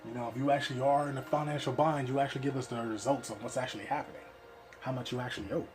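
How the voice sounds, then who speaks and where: A man's voice: mid-range voice, steady tone, very fast. Exasperated man ranting back. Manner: exasperated, scolding. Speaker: commentator. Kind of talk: ranting reaction commentary.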